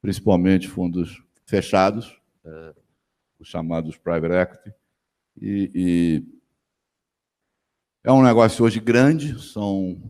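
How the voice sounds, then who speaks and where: A man with a Brazilian Portuguese accent giving a conference presentation on stage, pausing often and restarting phrases. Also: low voice, a little mellow. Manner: halting, many fillers and restarts. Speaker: panel speaker, company executive.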